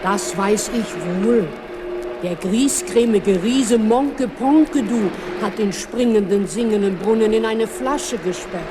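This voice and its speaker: A woman voicing a wise, kindly old grandmother who is the sea, speaking gently in a children's radio play. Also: medium pitch, slow pace, background noise, natural voice. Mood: gentle.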